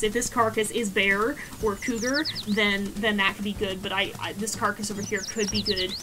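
A young woman streaming a speedrun, giving quick, excitable play-by-play commentary and repeating phrases as she goes. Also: medium pitch. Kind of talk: live gameplay commentary. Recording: game music in the background.

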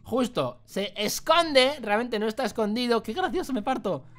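Excitable Spanish man voicing his own game playthrough, jokey, with faint music under him. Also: very high-pitched, normal speed. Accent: Spain Spanish. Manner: jokey, exclaiming, muttering to himself while playing. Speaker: gaming youtuber. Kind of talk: excited gameplay commentary.

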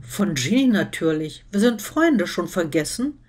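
A woman's voice: lowish voice, very animated, measured pace, a little mellow. A woman voicing a dreamy, blunt witch in a storybook reading, speaking in a light, offhand way. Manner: offhand, light, matter-of-fact.

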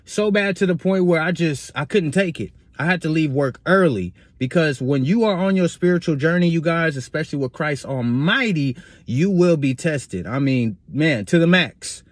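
Guy telling a story to his viewers, kinda preachy, a bit high voice, dry close sound. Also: dry recording. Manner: addresses viewers as "y'all", emphatic and preachy. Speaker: vlogger.

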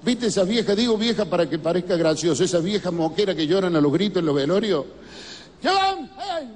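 Man with a cordobés accent, stand-up monologue, highish voice, noisy recording. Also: roomy sound. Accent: Cordobés Argentine. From Córdoba, Argentina. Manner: folksy, storytelling, slow and relaxed. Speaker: stand-up comedian. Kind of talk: comic monologue.

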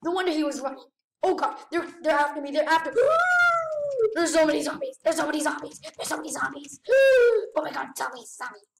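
A woman giving excitable let's-play commentary on a game, gasping often and firing off rapid repeated exclamations. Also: high-pitched, vocal fry, roomy sound, distant mic. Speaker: gaming channel host.

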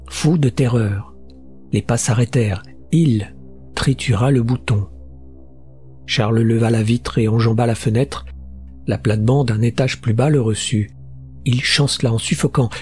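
A man narrating a horror short story in a steady, measured reading with tense build-ups. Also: medium pitch. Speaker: audiobook narrator. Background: faint music.

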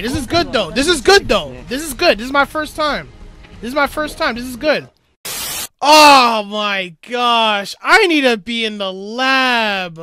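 A young man commentating his own fighting-game matches, panicking, cheering and talking himself calm. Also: extremely high pitch. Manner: excitable, shouts and panics during fights; talks himself calm with repeated okays. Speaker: gaming streamer. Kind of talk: live gameplay commentary.

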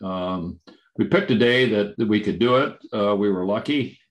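Presenter: man with a lowish voice, unscripted slide lecture, hesitant delivery full of fillers. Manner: halting, many fillers and restarts.

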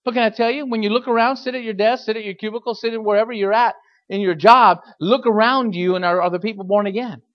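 A male pastor delivers a fiery sermon in a high voice. He exhorts emphatically, repeating key phrases and firing questions at his listeners. The recording is a little dull and lo-fi. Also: steady tone, fast talker.

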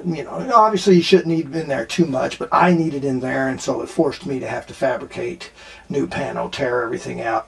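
A man's voice: mid-range voice, gravelly, fairly bright tone. A man narrating a do-it-yourself repair tour, rambling with many fillers and restarts, filmed in a small RV bathroom. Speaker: RV renovation vlogger. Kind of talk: casual walkthrough narration.

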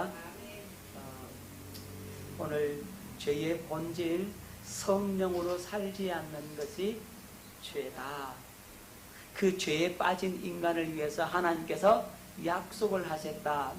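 A middle-aged man preaches slowly as a pastor, lecturing in a reverberant room with background noise audible. He asks his listeners questions only to answer them himself, pushing his pitch and volume upward whenever he stresses something important.

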